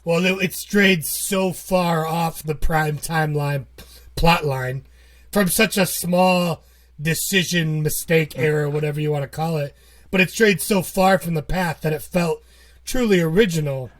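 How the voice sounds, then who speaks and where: A man's voice: fairly high pitch, a little slow, a bit bright, no room sound. A man co-hosting a podcast, chatting casually and joking, often searching for words as he talks. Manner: playful, jokey, searches for words aloud. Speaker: podcast co-host. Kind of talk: casual chat.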